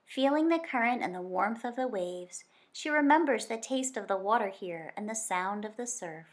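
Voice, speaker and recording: Like a teacher with young listeners, a woman reads a picture book to children in a mid-range, medium-pitched voice. She delivers it expressively and deliberately, shaping phrases the way a storyteller would and drawing out the important words.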